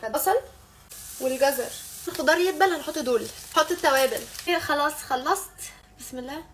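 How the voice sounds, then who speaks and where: A young woman with an Egyptian Arabic accent rattles off jokes and asides while cooking in her home kitchen. Her voice sits high and moves very fast. Faint noise runs behind her. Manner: joking, teasing, rapid chatter. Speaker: vlogger. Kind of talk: casual cooking vlog.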